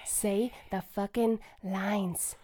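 A woman's voice: mid-range voice, steady tone, extremely slow, warm tone. A woman playing a hot-tempered, foul-mouthed, bossy ice supervillain twin in a comedic superhero audio drama. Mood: hissing, exasperated. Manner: brash, taunting, sweary.

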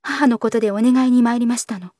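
A refined young woman pleads in polished, courteous speech, her voice raised and shaking, as a woman narrator puts her on. The tone stays mellow and high, close and dry on the mic. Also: quick pace, no room sound, natural voice. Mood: pleading. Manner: polite, formal speech, pleading and tremulous. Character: earnest, well-bred young woman, pleading.

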